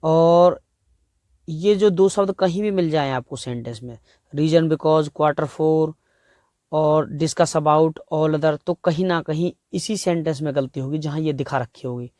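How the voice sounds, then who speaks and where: A male grammar teacher with an Indian accent speaks in a slightly raised voice. He works through exam sentences at an unhurried pace and reads each example word by word. The sound is dry and close, with no room echo. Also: fairly high pitch, mellow. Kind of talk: exam-prep grammar lesson.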